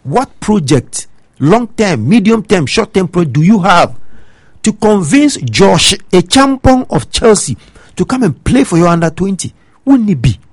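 A man's voice: sits high, very animated, unhurried, no room sound. A man from Ghana with a Ghanaian accent, giving opinionated football commentary and pressing his point with emphatic rhetorical questions. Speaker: football pundit.

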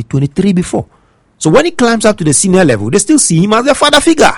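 A Ghanaian football pundit with a Ghanaian accent offers opinionated commentary, pressing his point with emphatic rhetorical questions. His voice is a little high and husky, with no echo.

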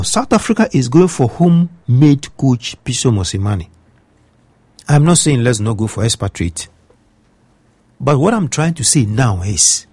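Ghanaian man, football pundit, rhetorical and emphatic, raspy tone, dry close sound. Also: medium pitch, darkish tone, dry recording. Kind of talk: opinionated sports commentary.

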